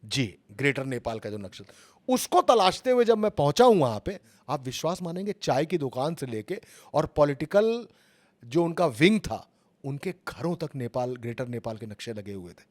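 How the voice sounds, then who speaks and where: A man's voice: fairly high pitch, sing-song, moderate pace. A middle-aged man, a journalist and author, telling his stories with dramatic emphasis in an interview. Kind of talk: storytelling interview talk.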